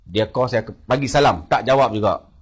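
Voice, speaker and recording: Husky Malaysian man recounting to a crowd. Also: medium pitch, fairly quick. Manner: emphatic storytelling, mixes in English words. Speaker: speaker addressing a rally audience. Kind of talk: public speech, personal account.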